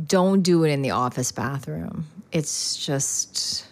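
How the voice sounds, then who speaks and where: A woman's voice: sits low, slow pace. A woman co-hosting a casual advice podcast, telling stories with lots of laughter and acted-out reactions. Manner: animated storytelling, laughs often, mimics herself. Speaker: podcast co-host. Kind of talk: casual chat.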